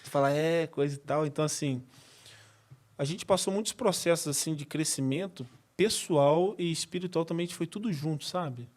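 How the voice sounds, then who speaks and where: A man from Brazil speaks as a podcast guest, sharing a personal testimony. His voice sits somewhat high for a man. He tells the story with energy, slips in fillers and voices the other people in it. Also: moderate pace. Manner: animated storyteller who acts out remembered dialogue, with frequent fillers. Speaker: podcast guest, former footballer.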